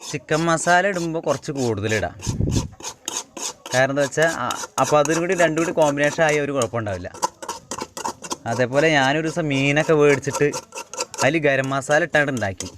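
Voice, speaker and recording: Cooking at home over a wood fire, a man from Kerala, India, with a slightly high voice casually demonstrates his dishes for viewers, rambling and repeating phrases as he goes. He's a home cook and vlogger, and his own noisy recording is filled with clattering pans and clicks.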